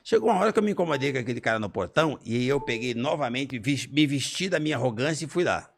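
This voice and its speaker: A man's voice: medium pitch, quick pace, vocal fry. A middle-aged man, a business owner telling a personal story in a conversation and acting out the dialogue with animation. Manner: animated, lively storyteller who acts out dialogue. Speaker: business owner, interview guest.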